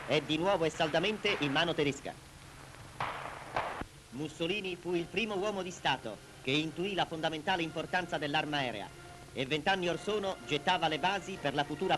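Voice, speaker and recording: A man from Italy narrates a 1940s wartime propaganda newsreel in a formal, declamatory, solemn style, his voice a little high. The vintage recording is rough, with loud music in the background.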